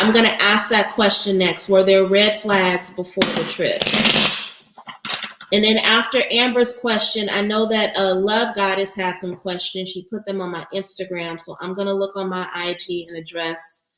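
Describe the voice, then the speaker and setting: A woman's voice: medium pitch, sharp tone, reverberant, rough recording. Woman giving a tarot reading. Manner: emotional, holding back tears. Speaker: tarot reader.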